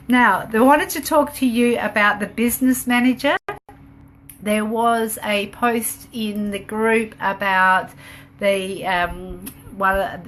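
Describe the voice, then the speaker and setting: A woman's voice: medium pitch, fairly bright tone, a little hiss or hum. A woman running a home business, chatting casually on a live video, rambling a little, laughing easily and answering viewer comments as she goes. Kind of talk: casual live-stream chat.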